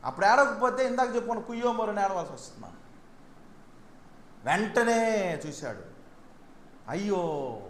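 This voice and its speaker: High-voiced man preaching in an echoey room. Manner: preaching in Telugu mixed with English lines, sudden swings between loud and soft. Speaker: pastor. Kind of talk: sermon. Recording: echoey room with faint background noise.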